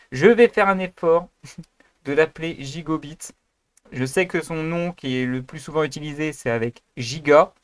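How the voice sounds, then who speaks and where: Rambling man with a smooth voice. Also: fairly high pitch, no echo. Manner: rambling and self-deprecating, many hesitations. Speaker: YouTube host. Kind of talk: casual improvised video intro.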